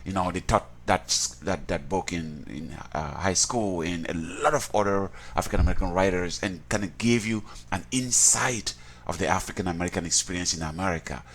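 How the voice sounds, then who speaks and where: A man from Cameroon, speaking in a fairly low voice. He gives an earnest, reflective personal account in an interview, often restarting and repeating words as he searches for them. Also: brisk, a little hiss or hum.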